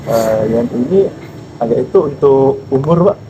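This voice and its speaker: A man's voice: mid-range voice, expressive, moderate pace, mellow, lo-fi sound. A young man, a student, politely asking interview questions with some hesitation and fillers. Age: young adult. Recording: noisy background with passing vehicles.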